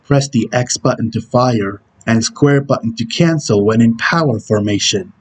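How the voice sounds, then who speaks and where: A man voicing a stern, brooding video game antihero who gives terse tutorial instructions in a husky voice. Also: mid-range voice, normal speed, close to an everyday voice. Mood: stern, instructional. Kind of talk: character impression reading game tutorial instructions.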